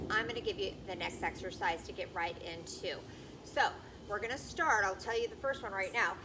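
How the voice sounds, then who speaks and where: A woman's voice: mid-range voice, noisy background. A woman leading a workout as a fitness instructor, energetically calling out cues and counts.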